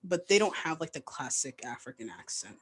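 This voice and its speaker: A man's voice: fairly high pitch, big pitch swings, a bit bright, breathy edge. A young man from Arizona, a guest comedian, joking and laughing through a casual podcast chat. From Arizona, USA. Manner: quick, joking, laughs often.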